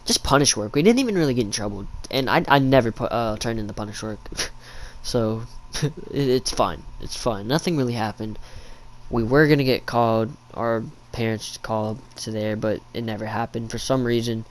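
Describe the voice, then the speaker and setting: A man's voice: medium pitch, moderate pace, low-quality recording. A young adult man rambling through a casual, slangy storytime as a YouTube storyteller, recorded in a living room at home.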